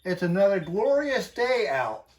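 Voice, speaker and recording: A man hosting a hobby channel, talking through a casual tutorial in a chatty, folksy, unhurried way. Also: high voice, very animated.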